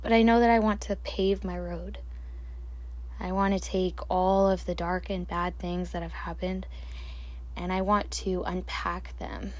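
Alone at night with a handheld or desk microphone, a female podcast host delivers a reflective monologue. She talks in a lowish, soft, soothing voice, unhurried and calm, breaking now and then into quiet laughter.

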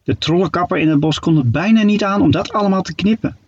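A man narrating a children's story with playful, expressive delivery. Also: high-pitched, fast talker, husky, muffled recording.

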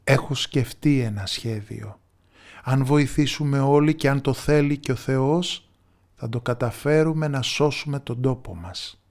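A man voicing a wise old village woman in a storybook tale, speaking calmly and with certainty. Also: medium pitch, lightly acted. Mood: calm resolve. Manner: calm, steady, confident.

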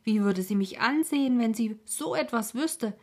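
A woman's voice: medium pitch, normal speed, a little mellow, breathy edge. A woman voicing a frail, agitated old sick man who pleads anxiously in a storybook reading.

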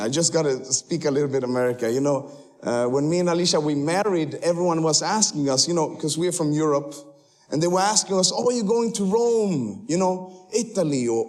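Speaking in a church sanctuary, a young Swedish-born man serves as a guest missionary and delivers a casual sermon full of jokes. His voice is a little high for a man but darkish in tone, and his loose, friendly delivery is peppered with laughter and fillers.

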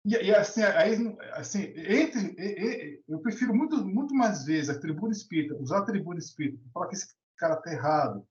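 He's a Brazilian teacher, tagged São, joining a discussion with casual storytelling and opinion. His voice sits high and he talks briskly, animated and colloquial, often restarting. The recording is echoey and lo-fi.

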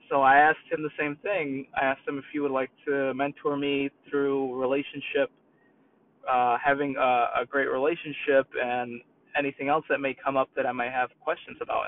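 A man's voice: on the high side, no echo. Rambling man, New York accent, tinny distant sound. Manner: rambling, self-correcting with many restarts. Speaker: YouTube creator. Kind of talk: casual personal storytelling to camera.

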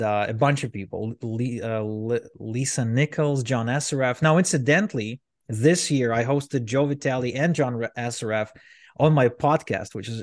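The speaker is an entrepreneur from Ukraine, Russian being his mother tongue, interviewed as a podcast guest. His ordinary male voice meanders with repeated restarts and filler words, and the dry recording keeps him close with no room ambience.

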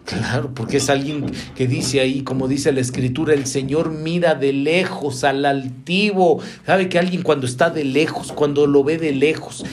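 A man delivering a sermon in a slightly high voice. He preaches with animation, jumping up in pitch and falling to hushed asides. He calls his listeners brother. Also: steady tone, normal speed, hardly any pauses, slight background noise.

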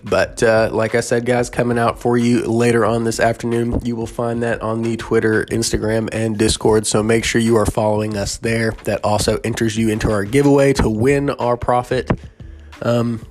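A man's voice: fairly low pitch, flat delivery, moderate pace, a little mellow, soft background music. A man hosting a sports betting podcast early in the morning, tired and yawning, talking in a laid-back, rambling way. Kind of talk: casual solo podcast.

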